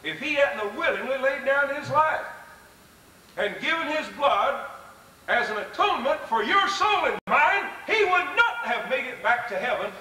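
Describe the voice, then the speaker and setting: A man preaching a fervent, folksy sermon with soft chuckles, recorded live in a hall on old videotape. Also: extremely high pitch, big pitch swings, measured pace. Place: church or lecture hall. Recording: distant, roomy live VHS recording.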